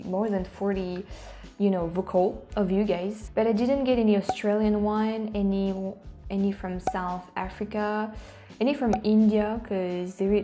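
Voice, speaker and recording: A young YouTuber with a French accent chats casually to the camera from a small room, her medium-pitched voice mellow. She keeps restarting her sentences and sometimes drops into a whisper, as in a relaxed vlog.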